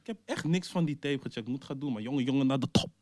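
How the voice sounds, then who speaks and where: A young man co-hosting a casual music chat, slangy and laid-back, often trailing off low at the ends of his lines. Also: quick pace, darkish tone. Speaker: podcast co-host.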